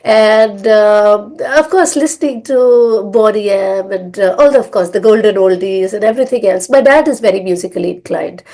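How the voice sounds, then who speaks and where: Speaking at a moderate pace with hardly any pauses, a middle-aged Indian woman who founded a language school rambles through her life story as a guest, using lots of fillers. Her voice is mid-range, mellow and hoarse.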